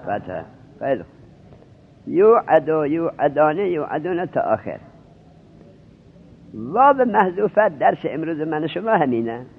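A man with a fairly high, husky, creaky voice teaches an Arabic grammar lesson in Persian at a seminary, questioning and drilling his students as he explains. He is very animated and pauses often, and the recording is tinny, lo-fi and narrowband.

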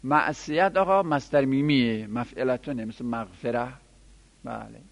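A man teaching Arabic grammar in a classroom lecture, explaining and listing word forms, with emphatic rises in pitch. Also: steady tone, creaky, in a large hall, dull audio.

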